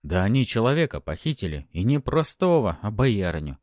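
A man voicing a stern young male bodyguard who talks gruffly and snaps when pushed. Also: on the low side, sing-song, fairly quick, a little mellow, dry recording, studio quality. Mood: worried. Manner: gruff, snapping.

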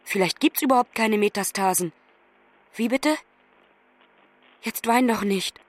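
A woman's voice: on the high side, a little slow, no room sound. An anxious young woman on the phone. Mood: distraught. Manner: urgent, pleading phone talk. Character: lonely young woman traveller, anxious and affectionate. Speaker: young woman phoning her mother from abroad. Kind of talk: radio play acting.

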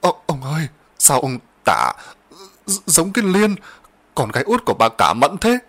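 A man's voice: mid-range voice, big pitch swings, normal speed, fairly bright tone. A man voicing a timid young male servant who speaks politely and hesitantly, stammering when frightened. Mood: scared hesitant.

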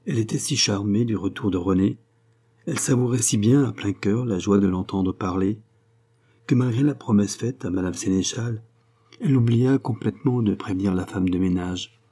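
Male reader for a classic novel; measured and expressive, low and husky. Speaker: audiobook narrator. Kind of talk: literary audiobook narration.

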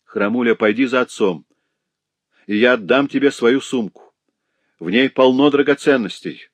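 A man's voice: mid-range voice, moderate pace, no echo, voice pushed up, natural voice. A man voicing a terrified old woman who gasps and pleads in an audiobook. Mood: pleading. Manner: gasping, pleading cries.

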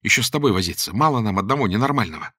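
A man's voice: fairly low pitch, expressive, racing, breathy edge, no room sound, studio quality, full character voice. A man voicing a determined young woman who speaks sharply and commandingly. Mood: stern. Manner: sharp, commanding, shouting for help.

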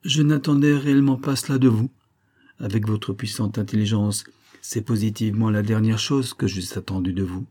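A man voicing a smooth, scheming army major with a soft, conciliating manner. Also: fairly low pitch, fairly even intonation, normal speed, close to an everyday voice. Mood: reproachful. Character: smooth scheming middle-aged male major.

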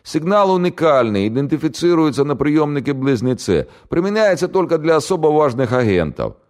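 A man voicing a frightened young captured radio operator with a southern accent, high and pleading. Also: big pitch swings. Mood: pleading, scared. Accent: southern Russian. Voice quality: high pleading rushed delivery.

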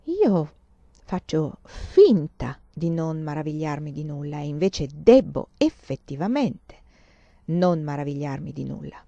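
A woman's voice: deep voice, expressive, measured pace, gravelly, dark tone, dry recording, dull audio, heavily acted. Woman reading as a vain, calculating young woman. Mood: resolute.

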